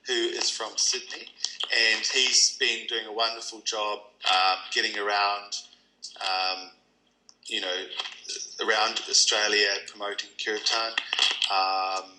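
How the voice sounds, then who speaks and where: A man's voice: on the low side, sharp tone, poor audio. A man from New Zealand with a New Zealand accent, answering interview questions thoughtfully, with many ums and restarts. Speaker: kirtan teacher.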